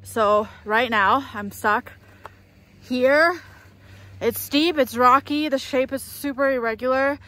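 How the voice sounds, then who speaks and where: A woman's voice: high-pitched, takes it slowly, a bit bright. A young woman talking to herself as she skis a steep slope, nervous and unsure of the way down, recorded on a helmet camera outdoors. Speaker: ski vlogger. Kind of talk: first-person ski vlog narration. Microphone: helmet-mounted action camera.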